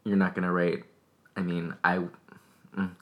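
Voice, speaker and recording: A young man chatting casually, raspy voice, rambling with many fillers and restarts. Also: low-pitched, flat delivery, moderate pace, dull audio. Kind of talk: casual chat.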